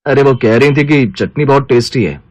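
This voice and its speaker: Cartoon voice: man playing a polite, mild husband, mid-pitched, dry close sound. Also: moderate pace, no room sound, close to an everyday voice. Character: mild young husband and family men.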